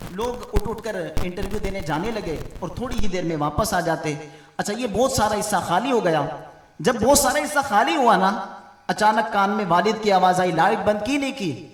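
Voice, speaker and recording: A man delivers a sermon, weaving a moral story and speaking straight to his brothers in the audience. His voice sits high. The sound comes from far off in a reverberant hall. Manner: storytelling, addresses brothers directly. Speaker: preacher. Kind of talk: religious speech at a mehfil.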